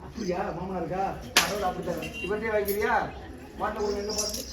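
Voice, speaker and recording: A man's voice: high voice, steady tone, quick pace. A man leading a ritual oracle session, coaxing and questioning people in a familiar way. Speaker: temple oracle medium. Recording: echoey, distant mic, loud background noise.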